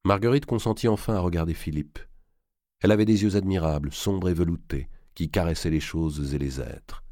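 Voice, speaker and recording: A man narrating a historical novel as an expressive audiobook reader. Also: sits low, a little fast, no echo, studio quality. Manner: expressive storyteller, varied delivery.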